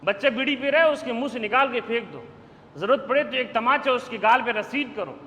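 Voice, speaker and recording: A male preacher gives a sermon with a high, bright voice, pressing his listeners hard and slipping into slow Arabic recitation. His voice carries a long hall reverb over a faint background hiss. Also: lively intonation. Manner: forceful exhortation with Arabic verse recitation. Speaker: maulana preacher. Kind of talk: Urdu sermon.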